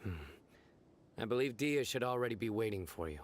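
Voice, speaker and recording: An actor playing a stern, composed enforcer general in a video game, speaking in a measured, serious, commanding way. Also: male voice, mid-range voice, lively intonation, natural voice. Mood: serious, calm.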